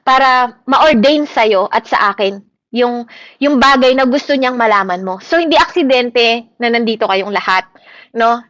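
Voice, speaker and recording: A woman with a Filipino accent preaching in an animated style, shouting hallelujahs and often asking her listeners for agreement. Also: on the high side, no echo. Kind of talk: sermon. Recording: muffled, lo-fi recording.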